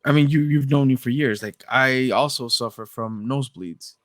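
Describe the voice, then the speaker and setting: A man's voice: mid-range voice, moderate pace, no echo, studio quality. A young man co-hosting a podcast, chatting casually and slipping Spanish phrases into his English. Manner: relaxed, mixes Spanish into English. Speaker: podcast co-host. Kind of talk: casual chat.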